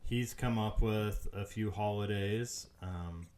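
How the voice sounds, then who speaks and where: A man's voice: lowish voice, slow pace, a little mellow. A man hosting a podcast, casually reading out facts with frequent hesitant ums. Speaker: podcast host.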